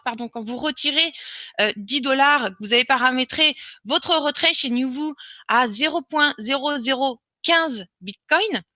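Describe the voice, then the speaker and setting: A woman's voice: high voice, bright, forceful tone, dry recording. A woman presenting a live webinar, talking casually and hesitantly with many fillers and restarts as she answers questions and shares her screen.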